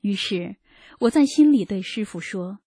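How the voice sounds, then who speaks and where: Earnest woman narrator with a warm, mellow tone, reading a personal testimony. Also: medium pitch, animated, a little slow, husky, dry recording, clean studio sound. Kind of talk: read first-person narration.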